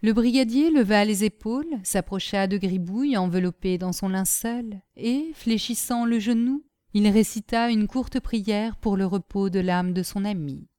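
A woman reading a classic story aloud in a measured, even way. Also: mid-range voice, dry recording, clean studio sound. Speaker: audiobook narrator. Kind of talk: scripted storybook narration.

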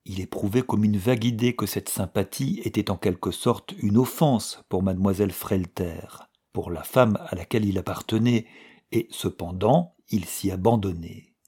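Man, audiobook narration, low voice, husky, measured. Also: darkish tone. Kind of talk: scripted narration.

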